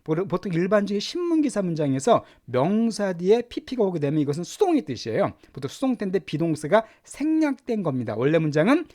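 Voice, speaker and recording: A middle-aged man teaching English lessons, explaining words and pronunciation with lively repetition. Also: sits high, a little fast, hardly any pauses. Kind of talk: Korean-language English lesson.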